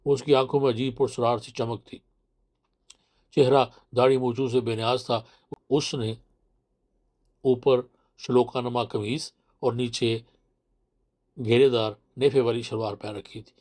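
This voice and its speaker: A man narrating a horror novel in a steady, measured reading voice. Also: medium pitch.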